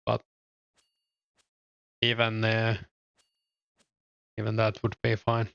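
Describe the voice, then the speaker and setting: A young Finnish-accented streamer chats casually while gaming and reading his chat aloud, relaxed but hesitant with lots of fillers. His low-ish voice is slow, smooth and fried, in a dry recording with the highs cut off.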